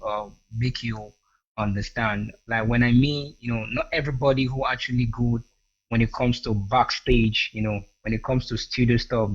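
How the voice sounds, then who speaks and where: A man guesting on a radio interview, with a mid-range voice. He restarts his sentences often and fills every pause with "you know." The audio is dull and lo-fi. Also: mid-range voice. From Edo State, Nigeria. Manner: hesitant, full of "you know" fillers and restarts. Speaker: singer and guest.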